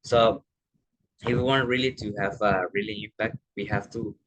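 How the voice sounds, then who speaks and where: Young male speaker, fairly low voice, earnest and halting, restarts a lot. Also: fairly even intonation, noisy background. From Panama. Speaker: speaker giving a talk. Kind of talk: motivational talk.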